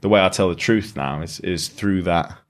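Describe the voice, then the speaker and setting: A man's voice: sits low, moderate pace. A man, a lyricist, talking reflectively as a podcast guest and explaining his ideas at length with frequent restarts. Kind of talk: reflective conversational interview.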